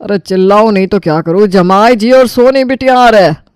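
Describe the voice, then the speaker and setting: A woman voicing an older father-in-law who calls out loudly in delight. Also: mid-range voice, brisk, clean tone, dry recording, studio quality, lightly acted. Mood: excited.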